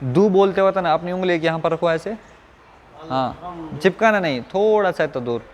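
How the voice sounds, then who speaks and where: Male recitation teacher, high voice, slow drilling delivery, echoey room. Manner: corrects and demonstrates sounds repeatedly. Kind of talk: pronunciation lesson with drills.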